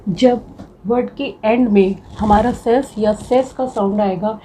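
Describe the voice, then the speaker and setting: With a fairly high, mellow voice, a woman leads a shorthand class, patiently and slowly repeating words to drill them. The rough recording has slight background noise.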